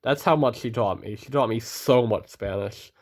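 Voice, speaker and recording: A man's voice: mid-range voice, moderate pace. A teenage boy vlogging alone in a casual monologue, earnest and rambling as he thanks people and apologizes. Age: teens. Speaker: student vlogger.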